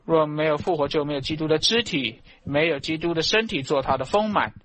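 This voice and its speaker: A man preaching a fervent sermon to a congregation, emphatic, and at times rising into loud shouts of praise. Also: on the high side, a little fast.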